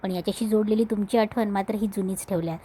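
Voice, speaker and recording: A woman's voice: mid-range voice, fairly even intonation, quick pace, warm tone, slight background noise, close to an everyday voice. A woman reading a cheeky coaxing young man. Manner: coaxing, playful, keeps saying madam.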